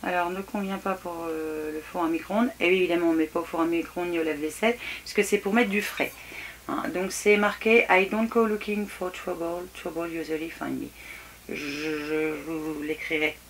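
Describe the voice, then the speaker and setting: A woman's voice: on the low side, slight background noise. A woman chatting casually through an unboxing, frank and hesitant, with many fillers and restarts. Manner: frank, mildly critical. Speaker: vlogger.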